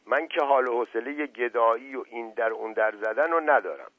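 A man voicing a soft-hearted, worried village man who pleads. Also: medium pitch, expressive, no room sound. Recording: tinny phone-like dry recording.

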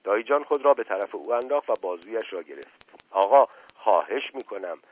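A man narrating a novel in a calm, measured storytelling way. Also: on the low side, slightly rough, no echo. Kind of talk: dramatized novel reading. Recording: tinny phone-like radio sound, dry.

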